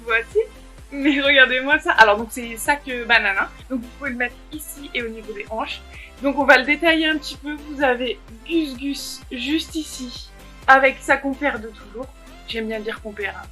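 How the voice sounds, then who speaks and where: A woman's voice: sits high, moderate pace, sharp tone, soft background music. A woman showing off handbags to her viewers in a casual vlog, enthusiastic and full of fillers and restarts. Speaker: fashion vlogger. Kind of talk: casual product showcase.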